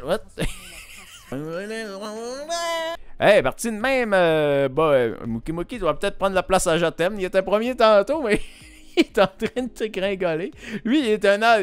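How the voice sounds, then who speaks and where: Lively Québécois man streaming, teasing chat. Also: high-pitched, smooth, dry recording. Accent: Québécois French. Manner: playful, teasing, laughs often, animated. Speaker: Twitch streamer. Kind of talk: casual live-stream chat while playing a quiz game. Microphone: desk microphone.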